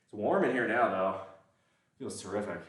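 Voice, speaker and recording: Speaking off-mic in a very reverberant indoor gym, a man with a slight Southern accent jokes at his own expense while chatting with livestream viewers between lifts. His lowish voice has lively intonation and moves at a moderate pace.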